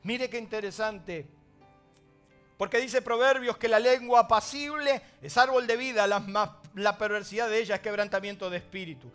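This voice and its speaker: A man with a Rioplatense Spanish accent preaching a sermon as pastor, swinging between loud emphasis and hushed asides. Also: sits high, fairly even intonation, normal speed, soft background music.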